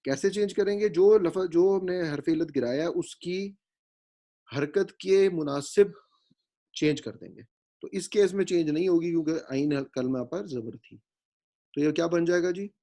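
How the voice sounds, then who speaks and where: Patient male grammar teacher, mellow voice. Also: a little high. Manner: patient, explanatory, often checks understanding; mixes English words into his speech. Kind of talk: grammar lecture.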